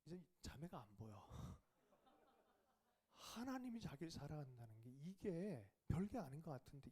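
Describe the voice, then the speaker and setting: A man pastor preaching a revival sermon who questions the congregation and drops to a whisper for quiet asides. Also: on the high side. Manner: questions the congregation and asks for replies.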